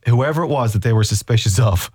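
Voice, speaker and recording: A man's voice: mid-range voice, animated, quick pace, a little mellow, breathy edge, dry recording, studio quality. A man interviewing someone in a casual, chatty and informal way. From County Mayo, west of Ireland. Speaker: interviewer, host.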